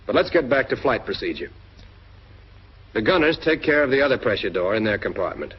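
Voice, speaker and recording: A brisk, sing-song male voice of medium pitch delivers scripted instruction for a training film, talking straight to the viewer in a direct, instructive manner. The audio sounds like a dull lo-fi 1940s film soundtrack, with slight background noise.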